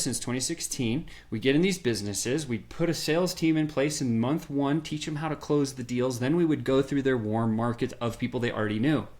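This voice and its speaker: A middle-aged man, a podcast guest, telling his business story in a lively way and acting out the quotes. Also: mid-range voice.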